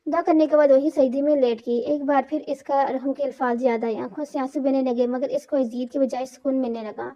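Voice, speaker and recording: High-voiced woman reading a romance novel. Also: steady tone, a little fast, hardly any pauses, warm tone. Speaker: narrator. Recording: dull lo-fi recording.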